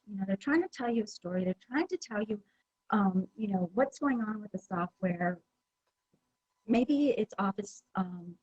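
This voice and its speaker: A woman's voice: mid-range voice, darkish tone, breathy edge, no echo, dull audio. A woman giving a conference presentation, talking in a conversational way with many fillers and restarts. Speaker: presenter at a user group meeting.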